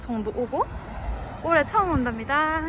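A young woman chatting casually and playfully to a vlog, partly talking to herself, over loud ambient noise. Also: sits high, animated, normal speed. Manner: playful, talks to herself while deciding. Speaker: vlogger. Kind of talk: casual vlog chat and narration. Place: streets and a cafe, on the move.

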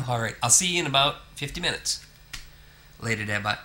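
Filming his own road trip, a man chats casually to the camera with joking asides, both on the road and in a parking lot. His medium-pitched voice is expressive, fairly quick, pushed and bright.

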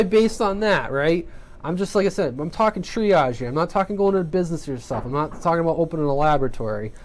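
This CB radio enthusiast has a somewhat high, mildly mellow voice. Demonstrating gear at his home workbench, he wanders from point to point, fixes his own statements, and peppers his casual talk with "right?"

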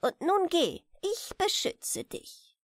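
A woman's voice: very high voice, big pitch swings, slow, dry recording, studio quality, voice pushed up, full character voice. A woman voicing a small, aged, solemn grey dwarf king who pleads earnestly in a German fairy tale. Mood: solemn instructing.

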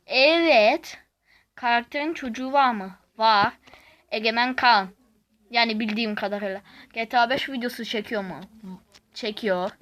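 High, bright-voiced woman casually commentating. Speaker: YouTube gaming host. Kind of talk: casual gaming commentary, reading questions aloud.

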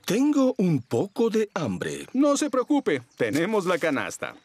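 A man's voice: high-pitched, huge pitch swings, unhurried, music in the background, full character voice. A man voicing a good-natured, sighing daddy pig in a cartoon, with a Latin American Spanish accent. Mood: jovial. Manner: sighing, jovial. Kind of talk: cartoon dub voice acting.

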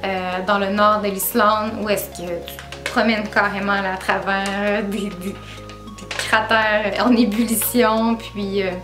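A woman's voice: medium pitch, little pitch movement, measured pace. A woman in her twenties with a Québécois French accent, talking casually to camera about her travels, with lots of filler sounds. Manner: chatty, many filler "euh"s, laughs at herself. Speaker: travel vlogger. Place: small room indoors with string lights and bookshelf. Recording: roomy echo, music behind.

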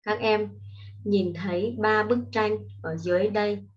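A woman teaching a primary school English lesson online, explaining patiently and slowly to children. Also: medium pitch, fairly even intonation. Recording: dull lo-fi recording.

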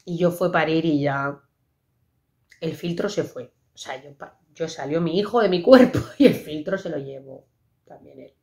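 A woman's voice: low-pitched, normal speed, a little mellow. A woman with a Spain Spanish accent hosting a podcast, talking casually and expressively with lots of fillers. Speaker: podcast host. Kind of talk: casual monologue. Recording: dull lo-fi podcast audio.

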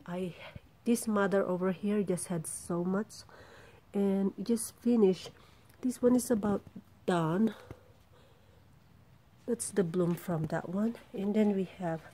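Filming her plants with a handheld camera in the backyard, a woman narrates a casual vlog from behind the lens, halting and rambling as she goes. Her voice is medium-pitched and warm, and outdoor noise runs in the background.

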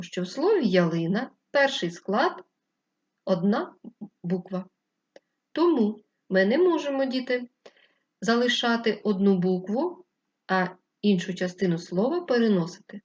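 A woman teaches first graders in a slow, patient voice, breaking words into syllables one by one. Her pitch rises and falls in a lively, sing-song way. The recording sounds a little dull and lo-fi. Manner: spells out syllables slowly and patiently. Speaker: primary school teacher. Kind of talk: slow, clear classroom instruction for first graders.

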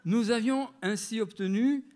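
A man in his sixties from France, reading a prepared lecture at a literary gathering in a measured, literary way, with occasional hesitations. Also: high voice, darkish tone.

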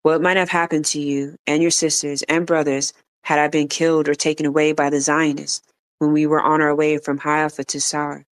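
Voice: medium pitch, flat delivery, normal speed, smooth, no room sound, lightly acted. A reader voicing a stern refugee mother. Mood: earnest. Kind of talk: read-aloud dialogue.

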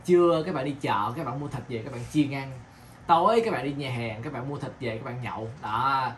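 A man's voice: mid-range voice, fairly quick, noisy background. A man with a Southern Vietnamese accent talks casually in a home kitchen vlog. He repeats himself and keeps asking the viewers "right?". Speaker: vlogger.

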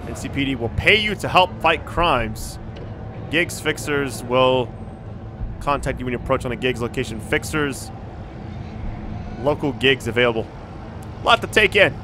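A man giving casual live gameplay commentary, easygoing and slangy, thinking out loud as he plays. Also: mid-range voice, expressive, normal speed, pauses often. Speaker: gaming streamer. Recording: game music behind the voice. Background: game music and city sounds.

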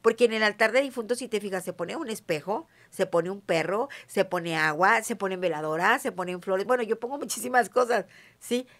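A woman's voice: medium pitch, brisk, fairly bright tone. Mexican lady, middle-aged, chatting away in an interview, keeps checking you follow her. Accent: Mexican Spanish. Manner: chatty, emphatic, often asks "¿sí me entiendes?". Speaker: interview guest, self-described witch. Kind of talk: casual conversational interview.

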